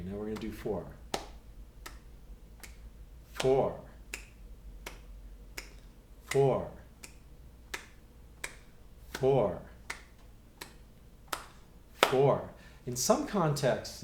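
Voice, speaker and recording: A middle-aged man teaching a piano rhythm lesson, counting beats aloud in a calm, patient way. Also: medium pitch, moderate pace, hardly any pauses. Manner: calm, patient, counts steadily and talks the class through exercises. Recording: echoey room with faint noise.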